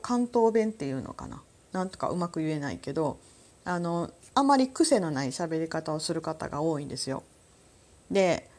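Chatty Kansai-accented woman, low voice. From Kansai, Japan. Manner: chatty, laughs often, lively sound words. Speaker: podcast host. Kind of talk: casual solo talk.

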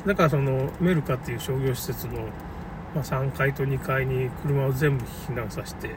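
Speaking in a mid-range voice with fairly even intonation and normal speed, a man gives an off-the-cuff, conversational account of a local flood, opinionated and rambling. A distant mic captures him noisily, with cars and outdoor ambience around.

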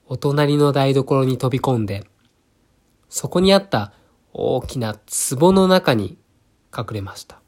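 A man's voice: medium pitch, a little mellow. A young man hosting a solo audio show, reading a fairy tale aloud and breaking off into chatty, musing asides. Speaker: solo podcast host.

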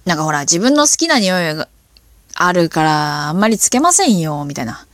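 A woman hosting a casual solo talk, telling stories in an animated, chatty way with lots of fillers. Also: on the low side, brisk, no room sound. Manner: animated storytelling with impressions. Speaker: podcast host.

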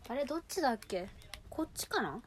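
Excited, lively woman chatting casually, high-pitched voice. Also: brisk, slight background noise. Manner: excited, gushing, muttering asides to herself. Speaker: host of a personal audio show. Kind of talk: casual unscripted chat to listeners while unboxing and sorting cosmetics.

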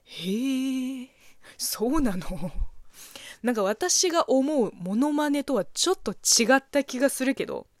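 A woman's voice: high voice, lively intonation, normal speed, few pauses, no room sound, clean studio sound. A woman from China, native speaker of Chinese, hosting a radio show; she reads listener mail and comments in a chatty, teasing way. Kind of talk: casual solo radio talk, reading listener mail.

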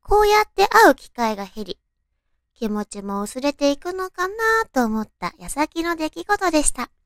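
A woman radio host with a naturally cute, high anime-girl voice, talking sweetly to listeners and reading out stories in a girlish way. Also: sing-song, moderate pace, no room sound, clean studio sound. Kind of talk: soft-hearted radio talk and read-out listener love stories.

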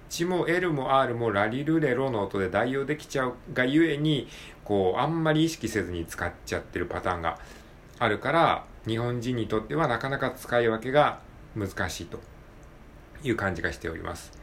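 A man with a fairly low voice hosts a solo podcast in a casual, chatty tone. He speaks politely and easily, often pausing on long "eh" fillers as he goes. A faint hiss of noise sits under his voice. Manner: polite, relaxed, frequent "eh" fillers. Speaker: podcast host.

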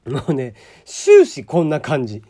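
A man's voice: a little high, wildly swooping pitch, measured pace, dark tone. A man from Kagoshima hosting a casual solo podcast, chatty, laughing often and using many fillers. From Kagoshima, Japan. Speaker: podcast host.

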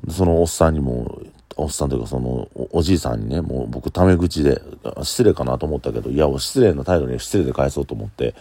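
Kansai bar owner, man, very low and fast, blunt solo talk, dry close recording. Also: lively intonation, vocal fry, dark tone, husky, no room sound. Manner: blunt, opinionated.

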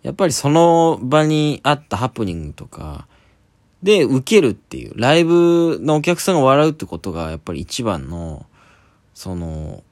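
A man's voice: mid-range voice, very animated, normal speed, darkish tone, no room sound. A young man, a comedian hosting a solo talk podcast, chatting casually and rambling with many fillers.

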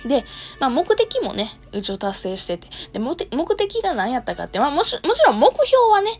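Hoarse, high-voiced Kansai woman. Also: huge pitch swings, brisk, soft background music. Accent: Kansai Japanese. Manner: laughs often while talking. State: hoarse, worn voice after long streaming. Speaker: host of an audio talk show and live streamer. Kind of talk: casual solo talk to listeners.

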